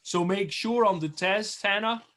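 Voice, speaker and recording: A man from Switzerland teaching a biology review class over a video call, chatty and encouraging, slowly repeating terms. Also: high voice, a bit bright.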